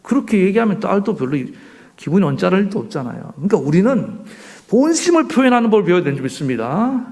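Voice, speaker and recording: Animated gravelly-voiced male pastor preaching. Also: sits high, fast. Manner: animated preaching with rhetorical questions to the congregation. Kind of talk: sermon. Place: church sanctuary.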